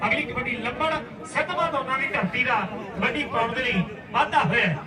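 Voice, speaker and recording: A man with a very high-pitched voice and a Punjabi accent calls a rural kabaddi tournament in a declamatory style. He weaves in thanks and folk couplets, repeating lines for emphasis. His voice echoes from far off across a crowded outdoor ground. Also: a little fast, crowd noise. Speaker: kabaddi match commentator and announcer. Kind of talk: rural tournament commentary mixed with thank-yous and recited folk verse.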